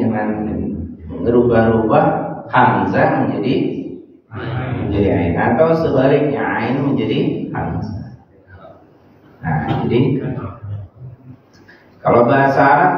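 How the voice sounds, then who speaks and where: Slow-speaking man teaching in an echoey hall. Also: mid-range voice, slight background noise. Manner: slow, explaining, repeats Arabic terms and translates them. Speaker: Quran teacher. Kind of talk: religious lesson on Arabic words. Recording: echoey hall, far from the mic, dull.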